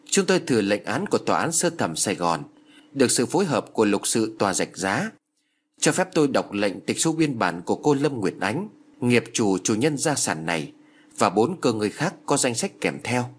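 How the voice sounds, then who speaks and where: A man voicing a stern middle-aged male court bailiff who reads out orders formally, in a husky voice. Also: medium pitch, very animated, moderate pace. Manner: formal, pompous reading of orders.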